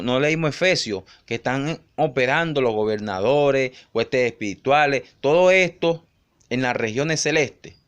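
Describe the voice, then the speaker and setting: A middle-aged man preaching in an emphatic, scolding way, dropping to low murmurs and rising to raised cries. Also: clear, resonant tone. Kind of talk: online sermon rebuttal video.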